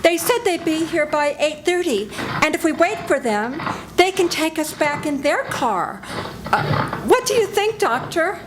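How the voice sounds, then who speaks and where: In a senior center event room, an older woman reads a live 1940s-style radio drama, voicing a terrified woman who pleads and panics while a killer hunts her. Her high-pitched, expressive voice moves at a measured pace and sounds frightened, with background noise behind it.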